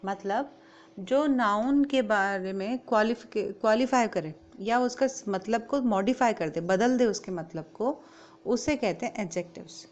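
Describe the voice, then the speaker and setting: A woman with an Indian accent teaches a grammar class. She says each point in English and then explains it again in Hindi, in the plain, steady voice of a classroom teacher. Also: on the high side, unhurried, lo-fi sound.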